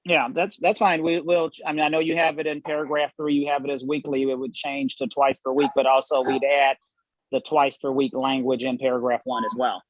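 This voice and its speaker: A man's voice: medium pitch, level tone, brisk, dry recording, low-quality recording. A man speaking as an attorney at a meeting, carefully explaining and rephrasing legal wording. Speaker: village attorney.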